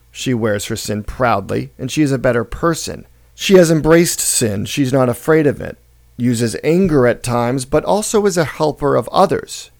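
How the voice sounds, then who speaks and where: A man's voice: medium pitch, creaky, a little mellow, dry recording, clean studio sound. A man explaining a classic novel in an earnest, explanatory way and reading passages from it dramatically. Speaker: literature lecturer. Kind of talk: book commentary with dramatic readings.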